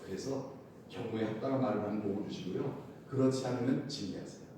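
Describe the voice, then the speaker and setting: A man preaching a sermon as pastor, lively and playful, often laughing and calling out to the congregation. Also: fast. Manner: animated, shouts acted crowd cries, laughs often. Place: church sanctuary. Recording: loud echo, from far off, faint rumble.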